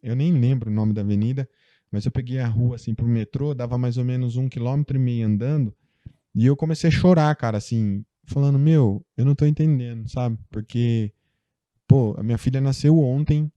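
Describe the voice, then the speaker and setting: Brazilian man telling a story, dark tone. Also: medium pitch, brisk, dry recording, muffled recording. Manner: storytelling, loose and chatty with many fillers. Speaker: interview guest. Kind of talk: casual conversation.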